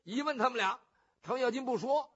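A man telling a traditional story in a lively, colloquial way. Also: very high voice, a little fast, husky. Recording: muffled lo-fi recording.

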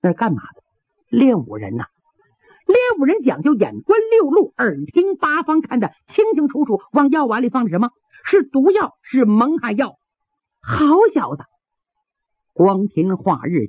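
A male storyteller narrates a traditional tale dramatically, full of vivid sound words. His husky voice sits high and swoops widely. The recording is tinny and dry, like a phone line. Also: wildly swooping pitch, moderate pace, no echo. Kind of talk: traditional Chinese oral storytelling.

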